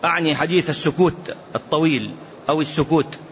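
Earnest scholar, dull lo-fi recording. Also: male voice, on the high side, fast talker. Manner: earnest preaching, mixes classical and dialect, quotes others. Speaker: Islamic scholar answering questions. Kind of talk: religious Q&A lesson with colloquial asides. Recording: dull lo-fi recording with faint hiss.

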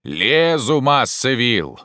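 A man voicing a simple, cautious male servant who calls out in a slow, drawn-out way. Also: medium pitch, very animated, bright, forceful tone, dry recording, clean studio sound, pitched above the performer's own voice, full character voice. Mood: calling out.

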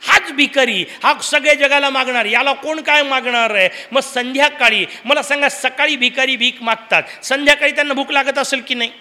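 A man's voice: very high voice, a little fast, few pauses. A man giving a devotional discourse, telling stories and asking the audience questions. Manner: lively storytelling with rhetorical questions to the audience. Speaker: preacher. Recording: long hall reverb.

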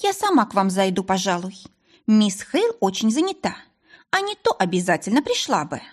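Woman doing grumpy stern old maid, blunt, bit husky. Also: mid-range voice, big pitch swings, moderate pace. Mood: disapproving. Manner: grumbling, blunt. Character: stern grumbling older female maid.

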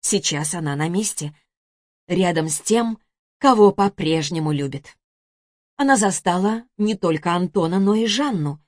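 Женщина размеренно и выразительно читает аудиокнигу. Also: female voice, on the low side, lively intonation, normal speed, no room sound, clean studio sound. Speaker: audiobook narrator. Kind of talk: scripted narration.

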